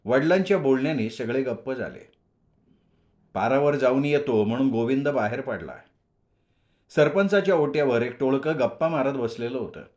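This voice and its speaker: A man telling a story, reading a novel aloud with steady, measured narration. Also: medium pitch.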